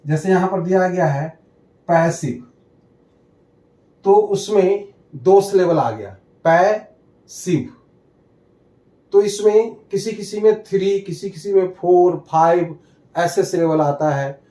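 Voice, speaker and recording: A man teaching English pronunciation in a lesson, explaining rules deliberately and reading out word lists one by one. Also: high voice, warm tone. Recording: echoey room.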